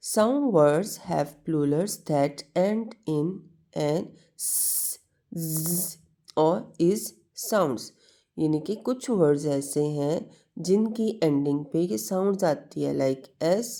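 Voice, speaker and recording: A woman teacher speaking slowly and deliberately as she walks students through a lesson. Her voice sits a little low and sounds mellow and soft-edged. She keeps asking a question and answering it herself in a patient, repetitive way. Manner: mixes Hindi-Urdu with English, calls students "beta". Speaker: English teacher. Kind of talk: classroom lesson explanation.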